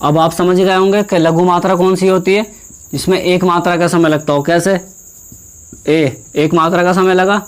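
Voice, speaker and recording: A young male teacher speaks in a high, clean voice with fairly even intonation during a Hindi grammar lesson. Repeating key terms, he questions the class, answers himself, and demonstrates vowel sounds by drawing them out slowly.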